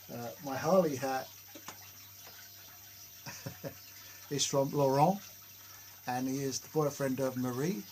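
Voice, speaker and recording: A man's voice: mid-range voice, darkish tone, slight background noise, poor audio. A man vlogging casually from his home workshop shed, telling jokey, self-mocking stories to the camera. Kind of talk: casual rambling chat to camera.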